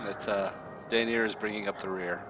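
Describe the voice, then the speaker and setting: A man's voice: on the low side, fairly even intonation, brisk, background noise. A man narrating a tabletop fantasy game casually as game master, describing scenes and checking in with players. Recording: music behind the voice.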